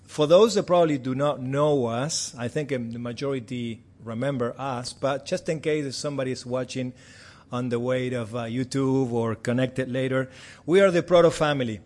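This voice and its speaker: Speaking at a moderate pace in a slightly mellow, mid-range voice, a man from Argentina in his forties delivers a chatty, friendly missions report to a church. He's a native Spanish speaker with an Argentine Spanish accent, and he pokes gentle fun at himself.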